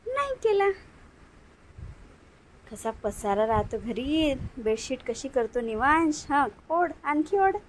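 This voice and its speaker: A woman's voice: high voice, a little slow, few pauses, slight background noise, low-quality recording. A young mother with a Marathi accent, talking in singsong baby talk to her infant at home while she films on a phone. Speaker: mother and vlogger. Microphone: phone camera.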